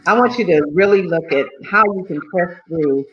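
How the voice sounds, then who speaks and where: A woman's voice: fairly low pitch, normal speed. Older woman, 70s, talkative guest, loose rambling delivery; slightly muffled remote audio. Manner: chatty and rambling, full of you-knows and repeats. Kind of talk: casual talk-show interview.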